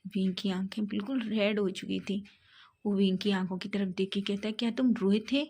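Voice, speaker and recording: A woman's voice: mid-range voice, level tone, moderate pace, a little mellow, husky. A woman reading a fan fiction love story aloud in a plain storytelling manner.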